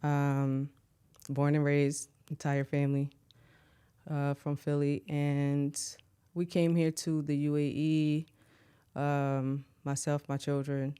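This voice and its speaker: An American woman from Philadelphia, a shoe designer, talking as a podcast guest in a relaxed, conversational way. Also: sits low, slow pace, clean tone. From Philadelphia, USA. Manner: relaxed, conversational, often asks "you know what I mean". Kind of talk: casual interview talk.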